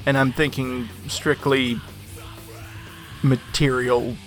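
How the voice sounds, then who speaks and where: A man's voice: mid-range voice, little pitch movement, slow pace, a bit bright, raised voice, soft background music. A man co-hosting a podcast in casual chat, laying out rules in a matter-of-fact way. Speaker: podcast co-host.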